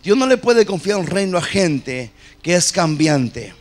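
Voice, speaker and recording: High-voiced preacher, slow and fervent. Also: male voice, big pitch swings. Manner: passionate, swings from shouting to quiet low asides; repeats phrases, calls for amen from the congregation. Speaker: apostle preaching at a church conference. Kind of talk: sermon.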